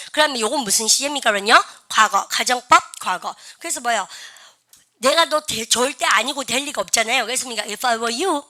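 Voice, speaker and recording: A woman's voice: high voice, pushed and bright. A woman teaching an English conversation class at a blackboard, calling out drills for her learners to repeat and chatting with them between points. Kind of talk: classroom lesson.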